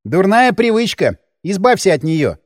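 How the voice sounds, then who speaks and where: A man's voice: sits high, sing-song, moderate pace, no echo, studio quality. A man voicing a scarred, hooded gunman in an audiobook, drawling and mocking. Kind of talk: audiobook character voice.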